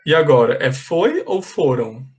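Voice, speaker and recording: A man's voice: fairly high pitch, big pitch swings, measured pace. A man teaching an English class online, patiently correcting exercises step by step and slipping in English phrases.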